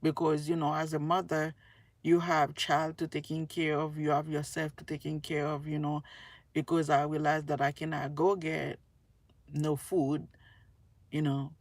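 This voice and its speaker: This Haitian woman, a tarot reader and spiritual video creator, speaks to her viewers in a casual, earnest, rambling monologue, often repeating phrases. Her voice is deep and her tone level, at a moderate pace, with no echo.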